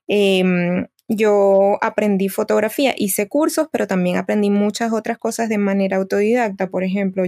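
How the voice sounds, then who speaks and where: A woman's voice: mid-range voice, darkish tone, dry recording, clean studio sound. A woman guest on a podcast, telling her story thoughtfully and hesitantly, with many fillers. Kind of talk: casual podcast conversation.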